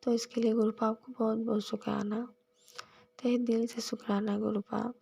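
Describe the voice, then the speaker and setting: A woman's voice: fairly high pitch, little pitch movement, moderate pace, gravelly, warm tone, breathy edge. A middle-aged woman earnestly giving a grateful devotional testimony, often restarting her sentences.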